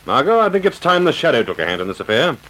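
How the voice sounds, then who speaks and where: Lamont Cranston, an animated gentleman sleuth. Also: mid-range voice, racing. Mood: assured, measured. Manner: assured, decisive, suave. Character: confident, urbane gentleman amateur sleuth. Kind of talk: vintage radio drama acting. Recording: noisy vintage radio recording.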